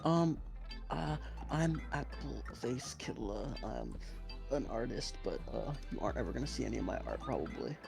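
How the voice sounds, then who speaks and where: A young man appearing as a guest on a casual podcast, speaking quietly and in a low-key way. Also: animated, normal speed, creaky, over music. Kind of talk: casual group chat.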